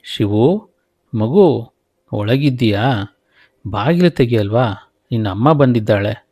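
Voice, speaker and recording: A man's voice: mid-range voice, expressive, slow pace, warm tone, breathy edge, no room sound, studio quality, full character voice. A man voicing a ghost that poses as a loving mother, coaxing and insistent. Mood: eerie.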